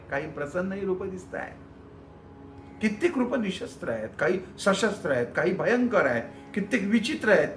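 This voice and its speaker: A man telling a spiritual scripture story as host, in an expressive, vivid way that addresses viewers directly. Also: high-pitched, reverberant, slight background noise.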